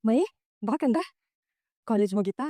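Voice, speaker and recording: Tender, guarded TV-serial mother, mid-life, warm, slightly high. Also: a little slow, no echo, studio quality. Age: middle-aged. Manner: soft, pleading, tearful at times. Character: sorrowful middle-aged mother, guarded and tender. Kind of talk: TV serial acting.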